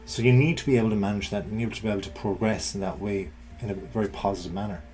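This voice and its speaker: Talking rapid-fire in a low, darkish, steady voice, a middle-aged man delivers an informal explanation over soft background music. His style is conversational, with frequent rhetorical check-ins with whoever's listening.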